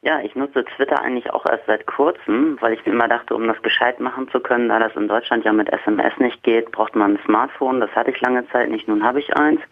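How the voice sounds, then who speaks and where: A man calling in to a radio show by phone, explaining his views in a slightly halting way. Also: medium pitch. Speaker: caller. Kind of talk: phone-in call. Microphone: telephone. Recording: tinny phone line.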